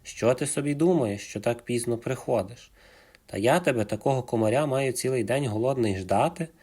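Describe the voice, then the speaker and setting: A man voicing a huge, furious, hungry male bear who roars out threats in a husky voice. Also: mid-range voice, normal speed, close to an everyday voice. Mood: roaring angry. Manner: roaring, shouting threats.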